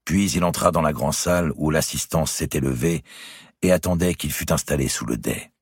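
A man narrates a historical novel in a steady, composed reading. His voice is very deep and husky. It is recorded close in a dry booth. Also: moderate pace, dry recording. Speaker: audiobook reader.

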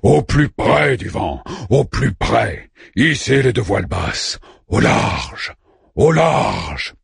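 A man voicing a big, calm male robot in an audiobook, speaking slowly, low and measured. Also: creaky, breathy edge, no room sound, studio quality, exaggerated voice. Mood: calm, wry.

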